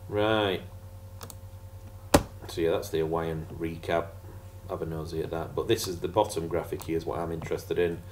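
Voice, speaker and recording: A man's voice: low voice, steady tone, moderate pace, long pauses, background noise. A man teaching a casual geography revision lesson over slides, chatty and jokey with sarcastic asides.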